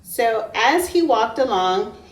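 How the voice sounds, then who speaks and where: A preschool teacher reads a story aloud to young children, phrasing things emphatically and asking her listeners questions. Her voice is fairly high, animated and slow. The distant microphone picks up a roomy echo.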